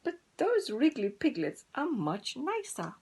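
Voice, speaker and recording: A wistful storybook mother hen played by a woman reading aloud, pitched up high and swooping widely. She is gentle and broody, with a sing-song, sighing way of speaking. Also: huge pitch swings, measured pace, background noise, full character voice. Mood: sad, envious. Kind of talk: children's storybook character voice.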